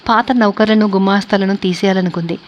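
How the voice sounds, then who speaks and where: A woman reads a novel aloud as the channel's storyteller. Her delivery is steady and measured. Her pitch sits in an ordinary middle range. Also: muffled recording. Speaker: audiobook narrator.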